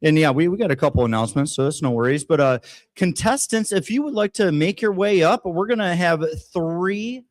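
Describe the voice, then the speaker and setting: Male competition host, high-pitched voice, formal welcome loosened by casual asides. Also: animated, brisk. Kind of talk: welcoming announcement to an audience.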